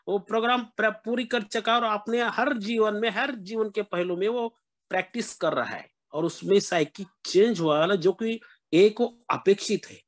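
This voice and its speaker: A man's voice: sits high, fairly bright tone. A middle-aged man from Maharashtra, earnestly sharing his recovery story with a meeting. He keeps calling his listeners friends and mixes in English words. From Maharashtra, India.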